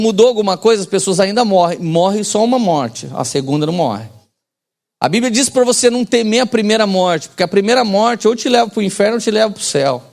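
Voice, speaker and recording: Preaching as pastor, a high-voiced man in his forties keeps things casual and joking, sprinkling in slang and trading call-and-response with the congregation.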